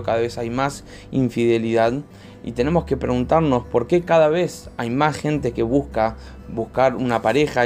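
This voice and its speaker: A man gives a short religious talk, telling a parable and then explaining it with measured pauses. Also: medium pitch, darkish tone.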